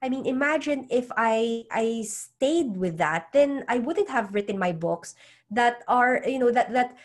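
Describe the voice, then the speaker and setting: A psychologist and author coach who speaks English as a second language gives earnest advice as an interview guest, often repeating words while she searches for phrasing. Her voice is fairly high and animated, at a measured pace. English isn't her first language.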